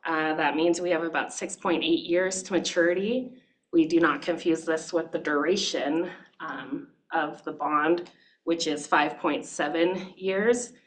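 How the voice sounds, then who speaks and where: A woman giving a brisk, matter-of-fact explanatory presentation at a board meeting. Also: low-pitched, steady tone, rough recording.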